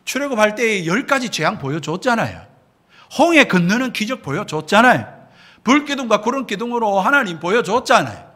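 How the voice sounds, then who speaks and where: A man's voice: sits high, pushed and bright. A man preaching a sermon as pastor, emphatic, often addressing the congregation directly and asking rhetorical questions. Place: church sanctuary.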